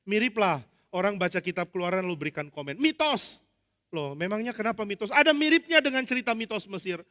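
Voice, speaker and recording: A male pastor preaching a lively sermon, acting out dialogue with humor. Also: high voice. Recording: long hall reverb.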